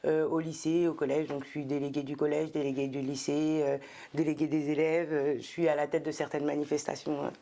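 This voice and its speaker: A woman's voice: sits low, flat delivery, brisk, warm tone. A middle-aged woman from France, a guest in an interview, talking thoughtfully with many hesitations and fillers. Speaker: guest, entrepreneur and former specialized educator. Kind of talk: casual interview talk.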